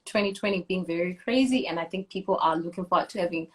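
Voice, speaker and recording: A woman's voice: lowish voice, fast. A young woman from Zimbabwe, a singer, chatting enthusiastically as she interviews a fellow artist over a video call.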